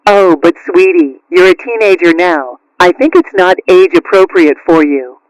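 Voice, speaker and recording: A man plays a cartoon mother cat in a high register. She is caring and gently firm, soothing in manner, recorded dry and close. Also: expressive, moderate pace, no room sound, rough recording. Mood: gentle concern. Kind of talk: cartoon character acting.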